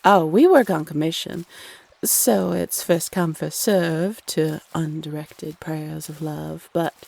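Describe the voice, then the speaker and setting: Female Cupid, acted by a woman, lowish creaky voice, sassy, teasing, chatty, bossy, audio roleplay. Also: darkish tone, exaggerated voice. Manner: sassy, chatty, teasing, uses pet names. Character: playful, teasing female Cupid, bossy little love goddess. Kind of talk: scripted audio roleplay addressed to the listener.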